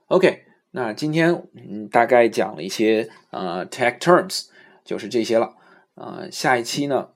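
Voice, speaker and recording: A man hosting a casual spoken English lesson. He talks in a relaxed way with many fillers and slows down to spell out English words. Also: lowish voice. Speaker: podcast host teaching English words.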